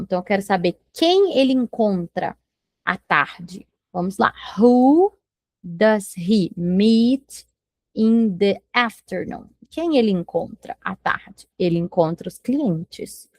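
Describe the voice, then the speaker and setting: Slow, clear teacher. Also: female voice, medium pitch, dry recording, studio quality. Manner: slow, drawn-out model pronunciations; explaining in Portuguese, modeling English phrases. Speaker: English teacher. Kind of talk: language lesson.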